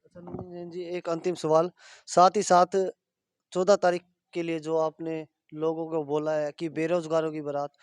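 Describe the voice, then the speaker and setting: A man's voice: on the high side, flat delivery, moderate pace, smooth, no echo, clean studio sound. A male reporter interviewing a guest with long, winding questions.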